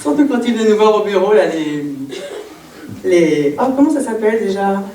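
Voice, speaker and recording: A woman's voice: medium pitch, expressive, moderate pace, mellow. Chatty sarcastic woman on a far stage. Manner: chatty, breezy, mock-innocent sarcasm. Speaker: stand-up comedian in character as an HR employee. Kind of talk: one-woman comedy show monologue. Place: theatre stage before a live audience. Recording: echoey room from afar, audience noise.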